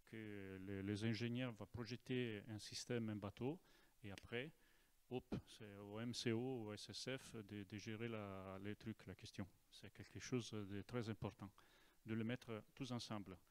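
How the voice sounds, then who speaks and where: An Italian man giving an informal presentation in broken French with an Italian accent, halting and repeating words as he goes. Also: fairly low pitch, steady tone, smooth. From Italy. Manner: broken, non-native French with grammar slips. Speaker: naval officer giving a presentation.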